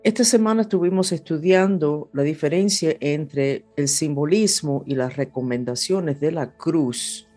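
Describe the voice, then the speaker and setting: In a low, dark voice at a moderate pace with few pauses, an astrologer and horoscope presenter talks unscripted to her audience about spiritual matters. Spanish is her second language, and music plays in the background.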